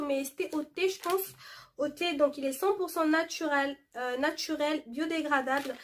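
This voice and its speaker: A high-voiced woman hosts a casual beauty haul vlog. She reads product labels aloud in a loose, chatty way and pauses often on fillers. Now and then she drifts a little away from the camera mic. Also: fairly bright tone, slight background noise. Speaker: beauty vlogger showing a shopping haul.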